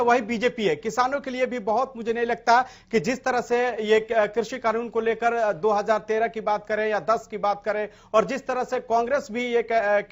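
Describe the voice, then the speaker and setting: A man anchoring a TV news debate, briskly cutting in with short acknowledgements. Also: high-pitched, highs cut off.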